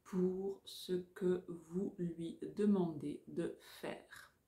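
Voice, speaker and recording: A woman, around her forties, dictating like a teacher, deliberately and carefully articulated, phrase by phrase. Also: on the low side, fairly even intonation, warm tone, echoey room. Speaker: French teacher giving dictation. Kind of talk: dictating, reading phrase by phrase with punctuation spoken aloud. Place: small furnished room indoors.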